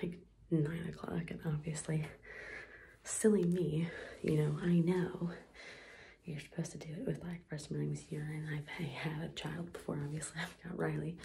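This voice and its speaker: A young woman talks in a hushed whisper so she won't wake the house, her low voice slipping into gravelly fry. Her tone is dark and mellow, and she rambles loosely with plenty of ums and likes. A faint hum of room noise sits underneath. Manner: whispering to keep quiet, rambling with many fillers. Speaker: vlogger. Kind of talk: whispered casual vlog. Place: home, early morning.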